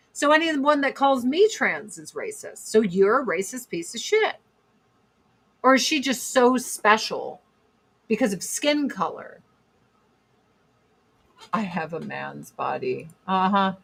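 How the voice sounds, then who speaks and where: A woman in her forties hosts a casual livestream while doing her makeup, chatting in a blunt, profane and sarcastic way and reading chat comments aloud. Her voice is deep, with a fairly bright tone.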